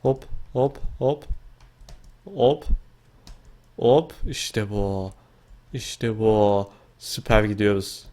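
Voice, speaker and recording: A young man casually commentating his own Minecraft gameplay, talking to himself and yelping and shouting as the action heats up. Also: on the low side, very slow, pauses often. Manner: excitable, talks to himself, yelps and shouts mid-game. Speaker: gaming video host.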